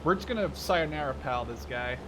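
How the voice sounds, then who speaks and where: This clip has the Canadian gaming video host in his twenties riffing casually on his gameplay with slang and self-deprecating humor. His voice runs on the high side, animated and fairly quick, against a noisy backdrop of game vehicle sounds.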